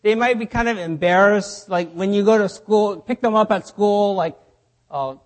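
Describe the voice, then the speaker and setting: A man preaching a sermon in short phrases, pausing for an interpreter after each one. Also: high voice, fairly even intonation. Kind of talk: sermon delivered through an interpreter.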